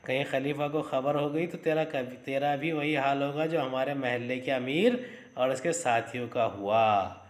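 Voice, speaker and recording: A man's voice: medium pitch, unhurried, close to an everyday voice. Brief: fretful old mother, anxious and tender, scolding her son in an echoey room; a man reads her part. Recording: roomy echo.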